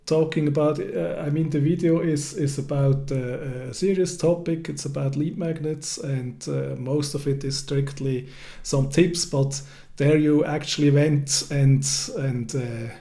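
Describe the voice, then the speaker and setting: A man hosting a casual interview, speaking hesitantly with many pauses and restarts. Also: fairly high pitch, fairly even intonation, gravelly, warm tone. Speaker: host.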